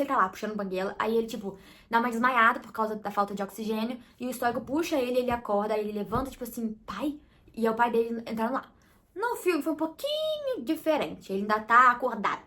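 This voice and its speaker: A woman's voice: a little high, bright, forceful tone. A woman with a Brazilian Portuguese accent chatting casually and expressively as she reviews a film for her viewers.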